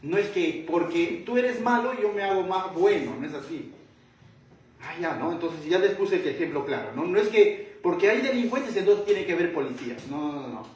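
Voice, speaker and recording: A man teaching the Bible verse by verse as a pastor, animated and full of rhetorical questions, stretching out key phrases. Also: high voice, moderate pace, slight background noise. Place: church hall. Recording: echoey room, voice from a distance.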